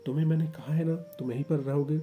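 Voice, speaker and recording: A man's voice: fairly high pitch, fairly even intonation, quick pace, narrow, tinny audio, soft background music, close to an everyday voice. A man voicing a possessive young husband who gives stern, commanding orders.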